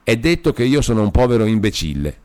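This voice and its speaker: A distraught middle-aged clerk, as a man reads him aloud, raises his deep, dark voice somewhat higher and louder. He shouts in anguished, self-reproaching outbursts, fists clenched in fury, in a storybook reading. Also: expressive, fairly quick, close to an everyday voice. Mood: outraged.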